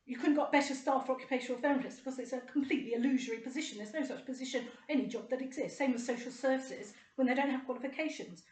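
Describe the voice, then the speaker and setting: A woman's voice: sits high, very fast, hardly any pauses, a little mellow, reverberant. A middle-aged woman, delivering an indignant, rambling and sarcastic monologue to camera. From United Kingdom. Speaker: vlogger.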